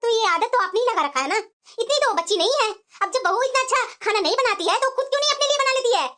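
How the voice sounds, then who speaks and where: Woman doing a scolding cartoon mom, really high squeaky voice, talks fast. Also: expressive, sharp tone, heavily acted. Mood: chiding. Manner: chiding. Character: middle-aged mother, fair-minded and scolding. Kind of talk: cartoon voice acting.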